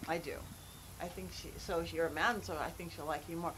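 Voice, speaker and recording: A woman who is a psychic medium guest, telling stories in an animated casual chat. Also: deep voice, brisk, a little hiss or hum, low-quality recording.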